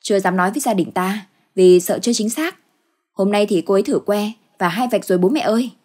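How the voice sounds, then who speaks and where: A woman's voice: medium pitch, fairly quick, slightly rough, lightly acted. A woman voicing an eager, cheerful young husband. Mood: overjoyed. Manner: eager, warm.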